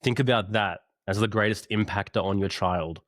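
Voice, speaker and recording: A man's voice: lowish voice, moderate pace, a bit bright, no echo. A man, a podcast guest, talking earnestly over a video call and telling a parable in casual conversation. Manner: earnest, storytelling.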